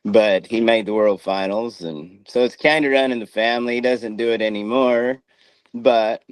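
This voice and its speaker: A man's voice: medium pitch, moderate pace, clear, resonant tone, no echo, low-quality recording. A middle-aged man who speaks through missing front teeth, chatting casually in an interview in a folksy, plain-spoken way. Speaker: former rodeo rider and coach.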